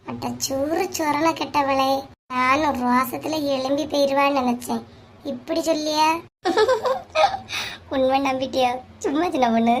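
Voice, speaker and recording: In a cartoon comedy, a woman voices sharp-tongued village women, nagging and scolding in a Kanyakumari Tamil accent. Her voice is high-pitched, with slight background noise behind it.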